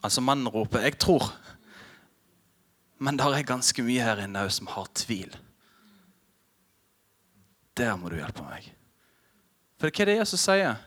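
A middle-aged male pastor delivers a sermon with a bright, ringing tone. His delivery is animated, his pitch swinging widely as he moves from emphatic reading to hushed, close encouragement. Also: pauses often. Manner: lively, animated preaching, drops to soft intimate tones.

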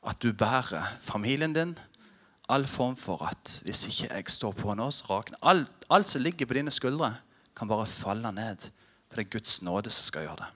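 Male pastor, middle-aged, preaching; bright voice, very lively intonation. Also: medium pitch. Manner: lively, animated preaching, drops to soft intimate tones. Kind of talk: sermon.

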